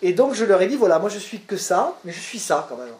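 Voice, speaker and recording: A stage actor tells a personal story, animated and quick to repeat a word while he hunts for the next. His man's voice sits a little high. The room around him is echoey, with a faint ambience. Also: a little hiss or hum. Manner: animated, repeats words when searching for them.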